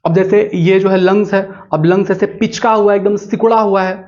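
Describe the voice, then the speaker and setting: A man's voice: high-pitched, steady tone, fairly quick, a little mellow, dull audio. A young man teaching biology in a playful, joking way, often checking in with his listeners. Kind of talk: playful explainer lesson.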